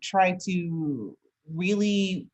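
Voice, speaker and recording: A woman interviewer talking conversationally, explaining her thoughts in a deliberate, halting, reflective way. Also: fairly low pitch, darkish tone.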